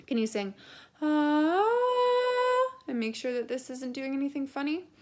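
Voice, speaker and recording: A woman's voice: high-pitched, fairly even intonation, quick pace, a little mellow. A woman teaching a singing lesson, coaching patiently and singing short phrases as examples. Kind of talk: vocal lesson with sung demonstrations.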